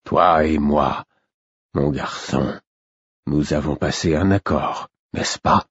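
A man voicing a frail, weary old king who speaks slowly and faintly, barely above a breath. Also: rumbling low, breathy edge, no echo, full character voice. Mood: weary, fond. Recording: dull, muffled audiobook sound.

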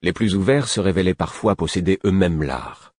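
A man reading a first-person novel as an audiobook narrator, in a measured, even storytelling manner. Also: low voice, husky, no room sound, studio quality.

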